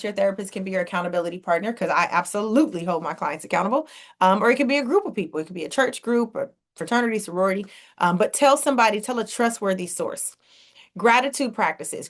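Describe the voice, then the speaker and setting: A woman therapist talking through practical tools for depression in a conversational way, acting out what clients and friends might say. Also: mid-range voice. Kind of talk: podcast teaching on mental health.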